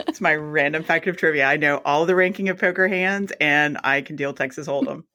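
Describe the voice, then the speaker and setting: A woman's voice: sits low, brisk, bright, forceful tone. A woman in her forties from South Mississippi, a guest telling her story in a casual interview. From South Mississippi, USA. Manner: chatty storytelling, quotes herself and others. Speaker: guest, anesthesiologist assistant.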